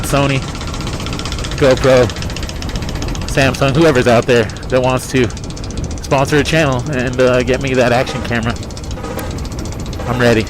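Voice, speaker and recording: A man rambling casually in an easygoing live vlog, recorded on a pocketed phone as he rides outdoors in a helmet. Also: mid-range voice. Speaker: motorcycle vlogger. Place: outdoors, riding a motorcycle on forest roads. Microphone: phone in pocket while riding in a helmet.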